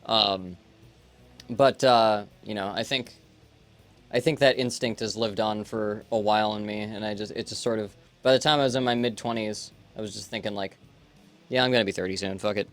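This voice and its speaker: Speaking at normal speed in a lowish voice, this late-twenties man rambles through a relaxed livestream chat. He's a streamer, and his talk is full of fillers.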